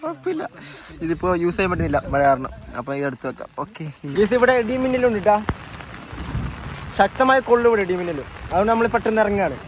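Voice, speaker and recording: A man talks quickly and chattily to his viewers while walking a rainy hillside trail outdoors. His voice sits a little high. He records into a handheld phone. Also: very animated, slight background noise. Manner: chatty, addresses viewers as guys. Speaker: vlogger. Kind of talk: casual travel vlog commentary to viewers.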